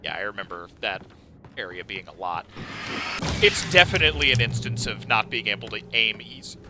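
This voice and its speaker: A man's voice: lowish voice, animated, moderate pace. A man casually commenting while he plays a horror game, chatty and prone to startled outbursts. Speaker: streamer playing a horror game. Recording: loud game soundtrack behind the voice. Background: loud game music.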